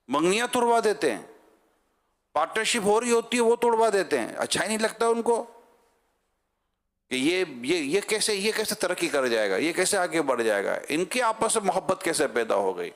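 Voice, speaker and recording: A male preacher in full sermon mode, his voice sitting a little higher than most men's. He talks lively and rhetorically, throwing questions at the crowd. He often breaks into loud chanted slogans for the audience to repeat. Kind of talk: religious sermon to a gathering.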